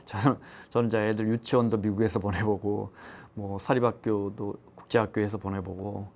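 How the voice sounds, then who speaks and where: A man's voice: fairly low pitch, moderate pace, gravelly. A middle-aged man chatting on a talk panel, telling personal stories and acting out quoted voices. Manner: storytelling, animated quoting of others. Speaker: economics show panelist. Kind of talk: casual chat.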